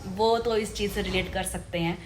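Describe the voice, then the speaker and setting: A young woman vlogging casually at home, chatty and quick, forever calling her viewers "guys". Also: mid-range voice, fairly even intonation, a little hiss or hum. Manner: fast-talking. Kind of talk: casual vlog chat to camera. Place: at home and outside in the street.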